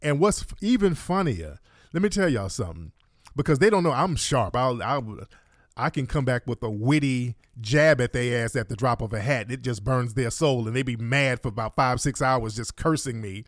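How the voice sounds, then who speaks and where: A man hosts a livestream in a boastful, heated, slang-heavy way. His voice sits at a middling pitch, and the sound is close and dry with no room around it. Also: lively intonation, moderate pace, dry recording. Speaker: livestream host. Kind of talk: combative commentary.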